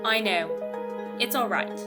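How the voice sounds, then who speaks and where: A woman's voice: mid-range voice, measured pace, bright, forceful tone, soft background music. A woman voicing a commanding young theme park princess with posh British vowels in an acted fantasy scene. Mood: solemn.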